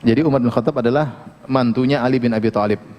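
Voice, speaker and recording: A man giving a relaxed, joking religious lecture, often asking his listeners questions. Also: mid-range voice, quick pace, big-room sound, lo-fi sound. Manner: casual, joking, asks the audience questions. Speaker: Islamic preacher.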